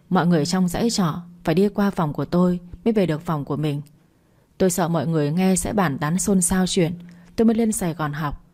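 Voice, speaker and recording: A woman narrating a first-person story at a steady, even storytelling pace. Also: on the low side.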